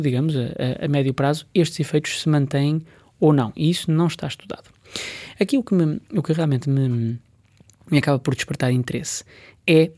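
A man with a European Portuguese accent speaks in a fairly high voice with very little room sound. He explains things as an expert guest would, in a conversational and discursive way, often adding tag questions. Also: darkish tone, dry recording, studio quality. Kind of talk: conversational explanation to a host and listeners.

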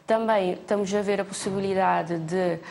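A woman from a statistics institute explaining a project on a TV show, measured and hesitant with many fillers. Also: medium pitch, steady tone, vocal fry, a little mellow, a little hiss or hum. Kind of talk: TV studio interview.

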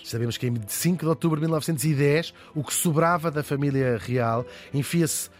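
Fast-talking Portuguese man telling history. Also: a little high, faint music behind. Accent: European Portuguese. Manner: lively, chatty, jokey asides. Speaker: podcast host. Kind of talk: casual history storytelling.

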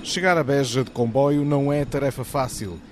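Man, radio reporter, European Portuguese accent, medium pitch, scripted narration, faint ambient noise. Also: moderate pace.

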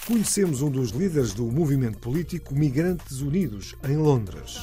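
A male news presenter reading scripted narration. His voice is warm and mellow, and his intonation rises and falls in a lively way. Soft music plays beneath him. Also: medium pitch, moderate pace.

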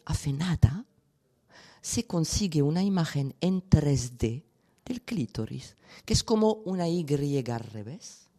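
A woman speaking as a sexologist guest in an interview, explaining in an unhurried, storytelling and amused manner. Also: sits low, dark tone.

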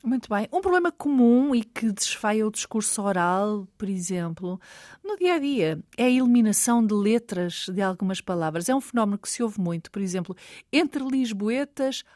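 A woman's voice: medium pitch, lively intonation, normal speed, a little mellow, no room sound, clean studio sound. A woman with a European Portuguese accent, hosting a radio interview as a composed presenter. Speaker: radio host.

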